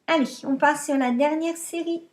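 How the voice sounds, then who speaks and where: A woman teaching primary maths, dictating to young pupils with deliberate articulation and repeating herself. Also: sits high, steady tone.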